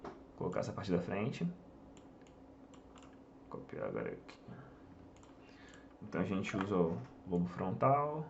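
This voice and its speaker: Lively Brazilian man teaching. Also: low-pitched, unhurried, vocal fry, pauses often, muffled recording, a little hiss or hum. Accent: Brazilian Portuguese. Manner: talks while drawing on a board, many fillers like "tá?" and "ó". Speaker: English teacher. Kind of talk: casual online lesson.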